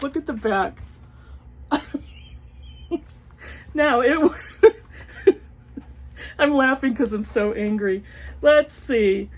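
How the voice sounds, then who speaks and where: A middle-aged woman chatting casually about books, animated and sarcastic, breaking into laughter. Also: fairly high pitch. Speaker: book vlogger. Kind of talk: casual book review chat.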